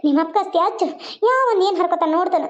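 A woman's voice: extremely high pitch, lively intonation, quick pace, dull audio. A woman voicing a tearful, defiant young village bride who complains and pleads. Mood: complaining.

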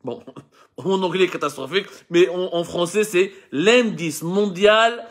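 Animated Algerian man explaining. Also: high-pitched, measured pace. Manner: mixes French with Algerian Arabic, many restarts and lists. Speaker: host of a live show. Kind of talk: talking to camera, explaining to viewers.

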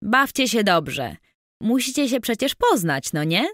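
Drunk old dad, sly and crude, read by a woman, slow. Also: fairly high pitch, very animated, fairly bright tone, no echo, clean studio sound, voice pushed up, full character voice.

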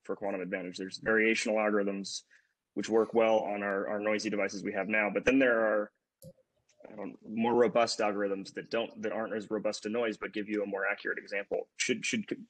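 A man's voice: lowish voice, little pitch movement, brisk, no room sound, rough recording. A man on a panel over a video call, politely asking a follow-up question. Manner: polite, inquiring.

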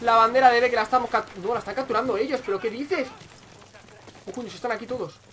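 A young man with a Spain Spanish accent giving excitable gameplay commentary, repeating phrases in quick bursts. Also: extremely high pitch, slight background noise. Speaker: gaming YouTuber.

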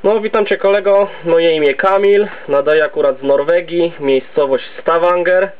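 A Polish amateur radio operator chats casually and ramblingly from his home base station, heard through narrow CB radio audio. His voice is smooth and fairly high, at a normal pace.

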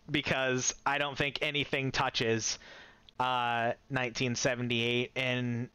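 A man's voice: medium pitch, pushed and bright, smooth, no echo. A man giving a casual, enthusiastic movie-ranking commentary, chuckling often and rambling with restarts. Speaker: movie reviewer.

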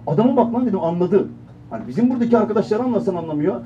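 Male stand-up storyteller, high and dark-toned, animated, recorded distantly in a reverberant hall. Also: rapid-fire, a little hiss or hum. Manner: animated, acts out quoted voices. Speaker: stand-up storyteller, radio presenter. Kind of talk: comic storytelling on stage. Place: event hall. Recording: echoey hall, far from the mic, dull sound.

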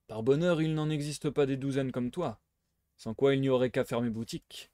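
A man's voice: medium pitch, fairly even intonation, moderate pace, warm tone, dry recording, studio quality, natural voice. A man voicing a skeptical, ironic old police inspector while reading a novel aloud. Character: gruff older police inspector, weary skeptic.

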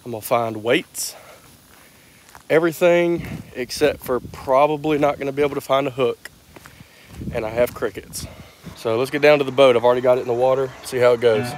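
A man's voice: medium pitch, fairly even intonation, brisk, a little mellow, slight background noise. A young man, chatting casually to a phone camera while fishing outdoors on a lake. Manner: easygoing, chatty, talks while working. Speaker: fishing vlogger. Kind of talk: casual outdoor vlog narration. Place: outdoors on a lake in a boat and on a wooded bank. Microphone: handheld phone at arm's length.

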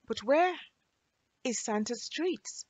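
A sweet little girl from a Christmas storybook, put on by a woman reader, her voice raised high and pleading, swinging widely in pitch. She speaks slowly and the sound is dry and close. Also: lively intonation, dry recording. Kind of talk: children's storybook reading.

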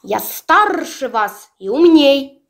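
A woman reading a storybook aloud, voicing a pompous older crow who lectures the others in a lowered, commanding voice. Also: sing-song, slow, heavily acted. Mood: stern. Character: stern old know-it-all crow.

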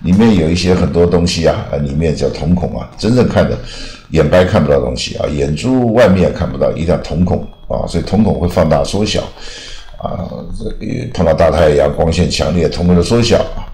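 Older man, very low voice, rambling vocabulary lesson, drawn-out "ah" endings, echoey room. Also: expressive, mellow. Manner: rambling, drawn-out "啊" at phrase ends. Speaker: English teacher.

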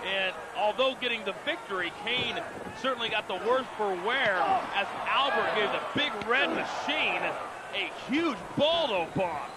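A man doing excited, exclamatory play-by-play as a wrestling commentator. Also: high voice, measured pace. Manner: excited, exclamatory calling of the action. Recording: loud arena crowd noise, TV broadcast. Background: roaring crowd and ring thuds.

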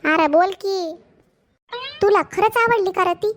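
In this cartoon voice role, a woman uses a very high-pitched, fairly bright voice to play a nosy, gossipy schoolboy. She teases with quick, cheeky banter.

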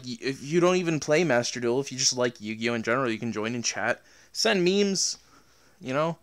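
A man who makes gaming videos talks loosely to his viewers, drifting with ums and uhs and restarting his sentences. His voice is smooth and clear, in a middle pitch for a man. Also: fairly bright tone. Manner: rambling, many fillers and restarts. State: out of breath. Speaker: gaming YouTuber. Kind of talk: casual outro talk to viewers.

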